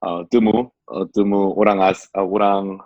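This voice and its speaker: Low, flat-toned young Korean man. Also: a little slow, dry recording, dull audio. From South Korea. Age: 20s. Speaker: guest. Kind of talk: casual discussion.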